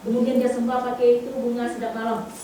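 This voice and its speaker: High-voiced woman preaching in echoey hall. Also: fast talker, far from the mic, a little hiss or hum. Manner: lively storytelling, acts out quoted voices. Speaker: preacher giving testimony. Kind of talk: sermon testimony. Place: church hall.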